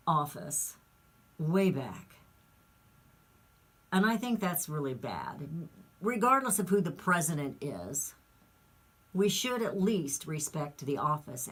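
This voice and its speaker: A woman's voice: on the low side, a bit bright. A woman hosting a talk radio show, delivering an indignant, emphatic monologue with rambling asides.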